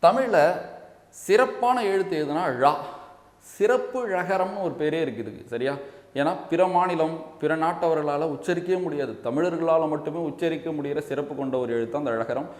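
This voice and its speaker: A fairly high-voiced man with a Tamil Nadu accent teaching an exam-prep grammar class. He walks through each point patiently, keeps asking whether students are following, and drags out single sounds so they can copy them. The room is echoey, with a long reverb tail. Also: moderate pace, darkish tone. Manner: explains step by step, often checks with "சரியா?". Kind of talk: classroom-style lesson.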